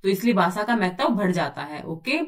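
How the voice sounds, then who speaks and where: A woman's voice: mid-range voice, lively intonation, moderate pace, recorded from a distance. A woman teaching an exam-prep lesson, who keeps asking questions and answering them herself in a chatty, repetitive way. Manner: explains by asking and answering her own questions, often says "bhai".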